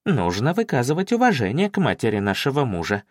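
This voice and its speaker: Мужчина озвучивает надменную старшую жену, говорящую твёрдо и ехидно. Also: male voice, medium pitch, wildly swooping pitch, fairly quick, no room sound, clean studio sound. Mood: firm. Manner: firm, snide. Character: haughty senior wife, grown woman.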